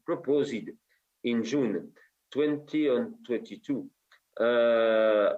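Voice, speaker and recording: A man with a French accent speaks slowly and haltingly, filling gaps with pauses as he gives a formal conference presentation. His English is careful, and his voice comes through dull, lo-fi audio. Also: mid-range voice, mellow. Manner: halting, many hesitations.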